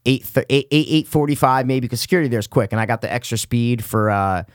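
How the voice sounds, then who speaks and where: A man's voice: medium pitch, fast, dry recording, studio quality. A man telling stories in casual conversation with a frat-bro manner, full of slang and swearing.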